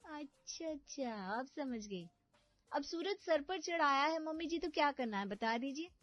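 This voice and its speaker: A woman's voice: sits high, expressive, a little slow, fairly bright tone, no room sound, pitched above the performer's own voice. Woman doing a naive young bride. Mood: innocent. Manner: sweet, innocent and chatty. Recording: slightly dull audio with background music.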